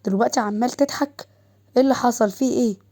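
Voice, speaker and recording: A woman's voice: on the high side, racing, dark tone, close to an everyday voice. A woman with an Egyptian accent voicing a brash, joking brother. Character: joking brother, loud and playful.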